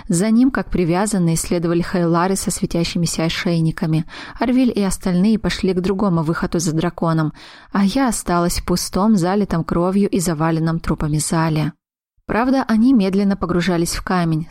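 A woman narrating a first-person fantasy audiobook, voicing each character's lines slowly and deliberately. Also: lowish voice, darkish tone, no room sound, clean studio sound.

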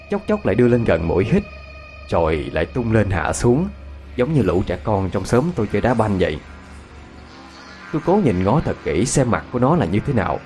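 A man with a Southern Vietnamese accent narrating a ghost story in an expressive way. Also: fairly low pitch.

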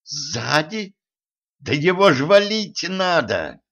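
A man's voice: medium pitch, lively intonation, measured pace, creaky, fairly bright tone. A man voicing a fierce, impatient warrior princess. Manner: bloodthirsty, impatient, pushy. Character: fierce hot-tempered young woman warrior princess.

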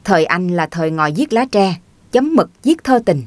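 A woman's voice: lowish voice, big pitch swings, normal speed, no room sound. A woman reading the part of a touchy, stubborn grown man from the countryside who grumbles defensively. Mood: grumbling.

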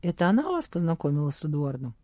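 A woman reading an audiobook, voicing a cold, haughty, suspicious secretary who speaks curtly and slowly. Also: sits low, very animated, warm tone, dry recording, studio quality.

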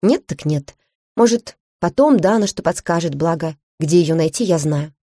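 A woman reads a fantasy audiobook in the first person, wry and lively in her storytelling. Her voice sits low and mellow, and the close microphone leaves the sound dry. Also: moderate pace, dry recording. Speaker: audiobook narrator. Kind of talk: scripted first-person narration.

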